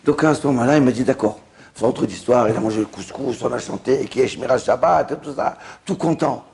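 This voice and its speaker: A middle-aged rabbi giving a sermon, telling a lively story and acting out the dialogue. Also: male voice, mid-range voice, brisk, vocal fry.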